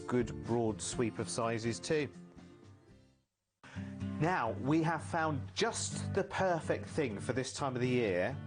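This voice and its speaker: A chatty man hosts live shopping TV, bantering with his co-hosts and reading out order codes and prices. Music plays clearly behind his voice in the studio. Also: medium pitch, animated, takes it slowly. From not from Yorkshire. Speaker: shopping channel presenter.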